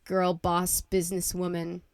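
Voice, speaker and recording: A woman's voice: lowish voice, monotone, measured pace, clean tone, no echo. Chatty woman podcast co-host, dry sound. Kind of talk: casual chat.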